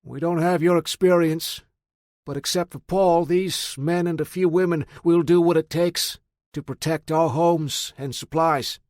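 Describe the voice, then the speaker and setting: A man's voice: on the high side, fairly even intonation, measured pace, darkish tone, dry recording, studio quality, voice pushed up, natural voice. A man doing an earnest community leader.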